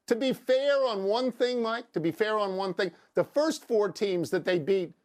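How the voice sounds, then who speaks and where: A man's voice: sits high, animated, moderate pace, a little mellow. An older man co-hosting a sports debate show, needling and sarcastic as he argues and reads stats. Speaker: sports talk show co-host.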